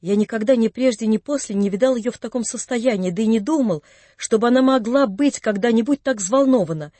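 A narrator reading classic prose for an audiobook in a soft, measured storytelling manner. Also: medium pitch, dry recording.

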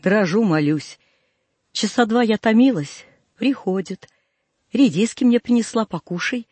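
A man reads a first-person folk tale in a folksy, plaintive way. His voice is high for a man and husky, with some breath in it. The recording is close and dry. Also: lively intonation, a little slow, a little mellow, no echo. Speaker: audiobook reader.

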